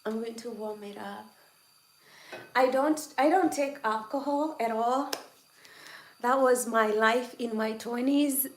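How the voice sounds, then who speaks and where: A woman over twenty-six livestreams casually from home, bantering with and teasing her viewers and laughing often. She talks slowly in a fairly high pitch, pausing often. Faint background noise and room echo come through.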